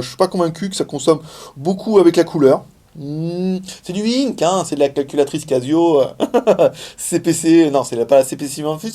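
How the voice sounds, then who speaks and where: A tech reviewer filming indoors in China gives a casual, chatty hands-on demo of a gadget, full of fillers and laughter. His voice is a little high and warm in tone.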